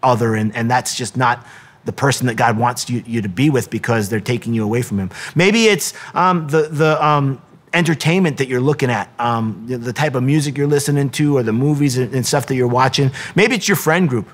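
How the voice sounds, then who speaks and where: A man's voice: medium pitch, a little fast. A middle-aged man, a wrestling coach, giving an earnest devotional talk with many ums and restarts, sometimes acting out the voices he quotes.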